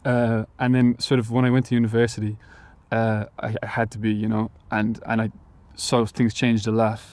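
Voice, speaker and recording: Delivering his answers in a completely flat, fairly low voice at normal speed, a young Irish musician from Galway guests in an interview. His tone is somewhat dark, and he hesitates a lot, using many fillers and starting over.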